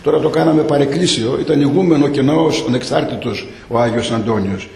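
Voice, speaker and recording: A man retelling a story to visitors as a guide, with lively asides and acted quotes. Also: mid-range voice, gravelly. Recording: echoey room.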